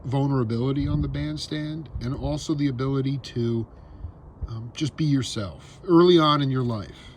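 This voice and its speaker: A man's voice: medium pitch, normal speed, a little mellow, a little hiss or hum. A man hosting an interview at a guest's house, asking eager, rambling questions full of restarts. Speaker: show host. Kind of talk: casual interview.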